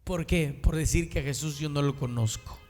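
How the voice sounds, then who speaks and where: A man preaching a sermon, emphatic, swinging between loud exhortation and hushed, low asides. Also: moderate pace, soft background music. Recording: long hall reverb.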